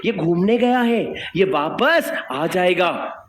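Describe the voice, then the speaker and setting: A man with an Indian accent teaching tax law in a lively, jokey lecture, acting out little dialogues and calling his students sir. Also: sits high, takes it slowly. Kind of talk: animated classroom lecture. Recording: echoey room with faint background noise.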